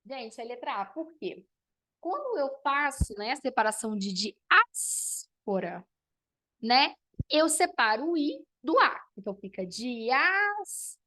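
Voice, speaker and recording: A woman's voice: high-pitched, very animated, takes it slowly, bright, forceful tone. A woman teacher, teaching an online class and explaining step by step while checking in with her students.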